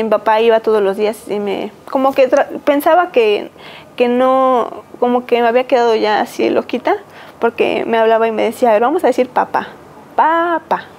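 Mexican woman in her 30s telling her story on a podcast, lots of fillers and restarts, slightly high voice. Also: darkish tone, a little hiss or hum, low-quality recording. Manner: halting, with many fillers and restarts. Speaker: guest. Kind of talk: personal testimony in a podcast interview.

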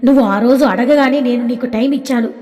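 A woman voicing an earnest, gently teasing young college man in an audio story, speaking softly and sincerely. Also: on the high side, fast talker, lightly acted. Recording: long hall reverb.

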